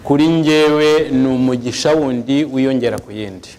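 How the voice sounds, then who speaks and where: A man's voice: medium pitch, unhurried, darkish tone, big-room sound, low-quality recording. A man interpreting a church service phrase by phrase, with small hesitations. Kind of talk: live sermon interpreting.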